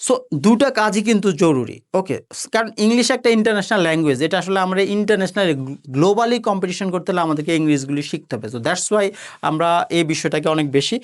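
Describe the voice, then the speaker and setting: A man's voice: high voice, a little fast. A man teaching parents how to speak English with their children, repeating his points and mixing English words into Bengali. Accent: Bangladeshi Bengali. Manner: repetitive, mixes English words and phrases into Bengali. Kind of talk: instructional talk to parents.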